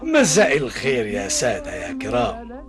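An actor with an Egyptian accent playing an anxious, chatty talking banknote, narrating a radio drama grandly like a café storyteller. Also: male voice, mid-range voice, wildly swooping pitch, normal speed, music in the background. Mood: theatrical, florid.

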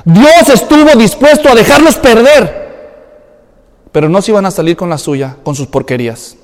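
A man preaches a sermon and slips into dramatized, colloquial voices for the people in the story. His voice sits high for a man, and a long hall reverb trails behind every phrase. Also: moderate pace. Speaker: pastor.

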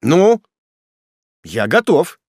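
A man voicing a grim male executioner who talks down to his prisoner in a cold, sneering, gruff way. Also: on the high side, wildly swooping pitch, extremely slow, a little mellow, no room sound, clean studio sound, pitched above the performer's own voice, exaggerated voice. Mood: scornful. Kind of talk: audiobook character voice.

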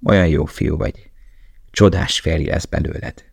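A man voicing a firm but loving middle-aged mother who speaks calmly and reassuringly. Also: sits low, creaky, breathy edge, no echo, studio quality, exaggerated voice. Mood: tender.

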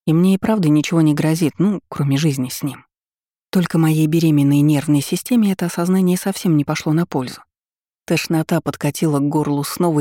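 A woman's voice: deep voice, dark tone, dry recording, clean studio sound. A woman reading a novel aloud in the first person, with a wry, ironic storytelling manner. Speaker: audiobook narrator.

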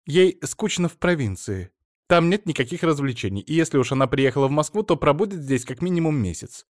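A man's voice: a little high, lively intonation, fairly quick, dry recording, studio quality, pitched above the performer's own voice, close to an everyday voice. A man putting on a pampered bossy young wife. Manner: coaxing, bossy. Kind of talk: audiobook character reading.

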